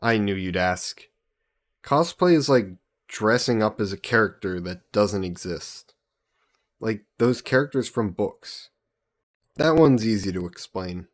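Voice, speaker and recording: A voice actor plays an easygoing young adventurer hero in an intimate fantasy roleplay audio drama, teasing playfully and coaxing gently in a casual way. His voice is fairly low-pitched and animated, kept at a measured pace.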